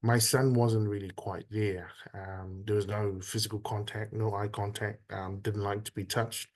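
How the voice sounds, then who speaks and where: A man from Samoa in his thirties, speaking on the low side as an interview guest. He talks in a measured, unhurried way, pausing often as he thinks. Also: flat delivery. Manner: measured storytelling with frequent pauses. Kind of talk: conversational interview.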